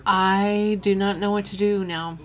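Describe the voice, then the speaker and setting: A woman telling a personal story to her own camera in a frank, rambling, venting way. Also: medium pitch. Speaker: vlogger. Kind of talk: candid personal vlog. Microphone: camera she adjusts herself.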